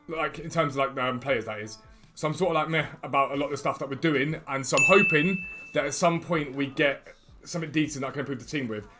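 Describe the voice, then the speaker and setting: Fast-talking man who says w for r. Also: on the high side, a bit bright. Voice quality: cannot pronounce R's properly, says w for r. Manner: chatty, informal, addresses viewers directly. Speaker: gaming YouTuber and host. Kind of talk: casual gaming video commentary.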